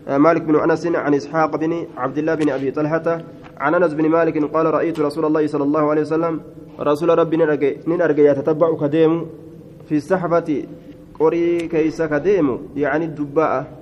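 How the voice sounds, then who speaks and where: A man's voice: on the high side, flat delivery, fast talker. A man giving a hadith lesson, reading the Arabic text aloud and explaining it in Oromo, on a dull lo-fi recording. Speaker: hadith teacher. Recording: dull lo-fi recording with faint noise.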